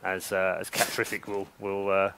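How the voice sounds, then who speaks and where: A man commentating live esports, joking and teasing his co-caster with excitable banter over a headset mic. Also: deep voice, moderate pace, background noise.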